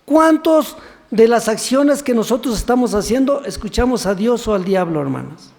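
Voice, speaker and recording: A man's voice: very high-pitched, lively intonation, moderate pace, vocal fry, darkish tone. A man, a deacon preaching a sermon who keeps asking rhetorical questions and prompts the congregation to finish verses. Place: church sanctuary. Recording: long church reverb.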